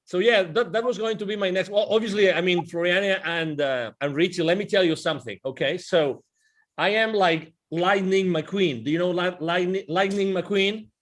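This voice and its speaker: A man with a high voice speaks at normal speed as a podcast co-host in a casual interview. He rambles enthusiastically and often repeats words.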